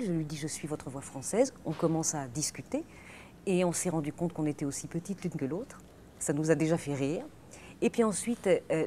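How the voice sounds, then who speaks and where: A woman voice actress recounts her dubbing experiences in an animated, chatty way. Her voice sits slightly low. She tells her stories in an interview. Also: slight background noise. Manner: lively, chatty storyteller. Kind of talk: interview anecdotes.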